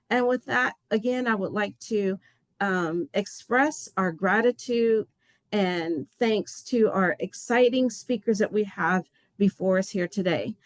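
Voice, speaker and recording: Woman, agency official, passionate webinar welcome, mid-pitched voice, dry close sound. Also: no echo. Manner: passionate, heartfelt; earnest, loses her place and restarts.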